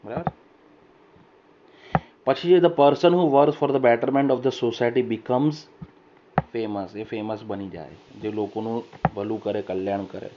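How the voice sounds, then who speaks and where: In a recorded vocabulary lesson, a man with a lowish voice reads every example sentence slowly and at higher volume, then explains it. Short questions keep checking whether students understand. The recording is dull and lo-fi, with faint hiss from the voice recorder.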